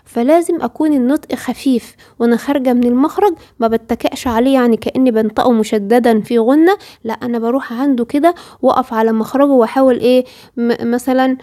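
Teaching tajweed with patience, a woman with an Egyptian Arabic accent asks her female student rhetorical questions as she recites and explains the Quran. Her voice is a little high and mellow, with a steady tone and a quick pace.

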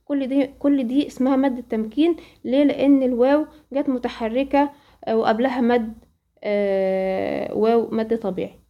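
A woman with an Egyptian accent teaching a Quran recitation lesson, asking questions and then answering them, and slowly reciting the examples. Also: a little high, fairly even intonation, muffled recording. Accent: Egyptian Arabic. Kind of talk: tajweed lesson.

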